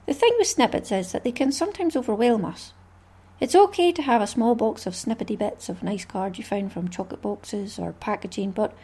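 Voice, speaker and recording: A Scottish woman hosts her craft podcast alone, her voice a little husky and breathy. She sits fairly high in her range and rambles through her thoughts in a friendly, chatty flow, with small laughs here and there. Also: a little mellow. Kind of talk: casual solo podcast chat.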